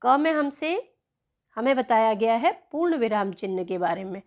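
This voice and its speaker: A woman teacher, slowly and patiently explaining a worksheet lesson to young children. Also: fairly high pitch, animated. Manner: slow, patient, addresses children often.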